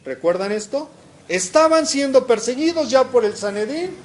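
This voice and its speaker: Lively high-voiced male preacher. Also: normal speed, slight background noise. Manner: asks the congregation questions, reads scripture aloud. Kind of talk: sermon.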